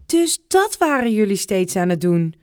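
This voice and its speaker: A woman's voice: mid-range voice, very animated, normal speed, darkish tone, no echo, clean studio sound, natural voice. A woman voicing a caring old grandmother in a read-aloud children's storybook. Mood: kindly.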